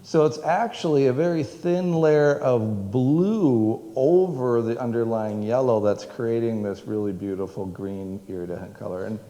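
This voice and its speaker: A man's voice: mid-range voice, measured pace, few pauses, mellow, dull audio. Man giving a museum talk in an echoey hall. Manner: rambling, many fillers and restarts. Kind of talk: public history talk. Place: museum event room. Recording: echoey hall with long reverb.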